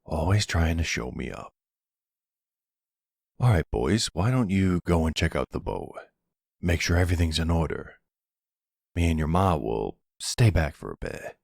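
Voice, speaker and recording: A man gives a full character voice to a middle-aged mafia boss and loving stepfather in an intimate roleplay audio drama. His voice is low, husky, gravelly and a little mellow, with an affectionate, wry manner, recorded dry at studio quality.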